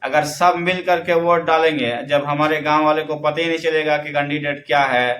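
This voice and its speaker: Measured village cleric, man. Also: fairly high pitch, steady tone, fairly bright tone. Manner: measured, reasoned. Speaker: cleric interviewed.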